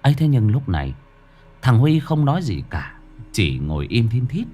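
A man's voice: medium pitch, very animated, moderate pace, mellow, faint music behind. A man narrating a ghost story expressively.

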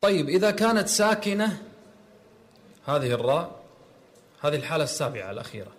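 Male recitation teacher, patient and corrective, slightly high-pitched voice. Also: big pitch swings, fast, slight background noise. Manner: patient, repeats words to correct pronunciation. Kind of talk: recitation rules lesson.

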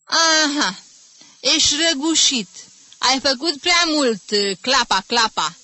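Storybook figure: woman acting an irate middle-aged male music teacher, shrill shouted scolding, dry close sound. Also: expressive, no echo. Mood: mocking. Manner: shouting insults, shrill and explosive.

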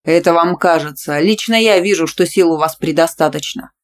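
A woman reading out the lines of a brisk, stern male gym teacher in an audiobook, loud and commanding. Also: fairly low pitch, natural voice.

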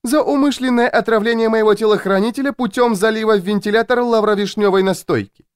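A man voicing a frazzled, jumpy woman who feels hunted, speaking in a high, plaintive, complaining tone. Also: fast talker, smooth, dry recording, studio quality, lightly acted. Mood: stubborn.

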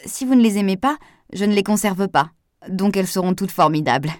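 A woman reading aloud, voicing a warm, charming man who speaks with courtly flattery. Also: medium pitch, brisk, no echo, clean studio sound, lightly acted. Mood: courteous.

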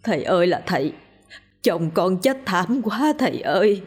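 A woman's voice: fairly low pitch, expressive, normal speed, darkish tone, breathy edge, faint music behind. A woman voicing a grieving village wife who pleads with the elders humbly and tearfully. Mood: sobbing.

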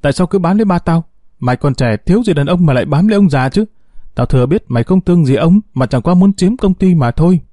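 A man's voice: lively intonation, quick pace, mellow, no room sound, clean studio sound. A man voicing a spoiled, hysterical young daughter who screams and wails. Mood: furious. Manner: shrill and screaming.

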